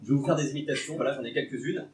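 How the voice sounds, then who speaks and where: A man's voice: medium pitch, very fast. A young man from Bordeaux doing his first live stand-up set, nervous, rambling and self-mocking. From Bordeaux, France. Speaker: stand-up comedian. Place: live comedy venue with audience. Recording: echoey venue from far mic, noisy.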